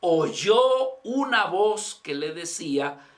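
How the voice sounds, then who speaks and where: A male pastor delivers a sermon in an unhurried, deliberate way, leaving room between his phrases. His voice sits fairly high for a man. He keeps putting rhetorical questions to the congregation, rising on some lines and dropping to a hush at the end of others. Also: lively intonation. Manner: preaching with rhetorical questions, addressing the congregation as brothers; dramatic swings from raised voice to hushed endings. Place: church.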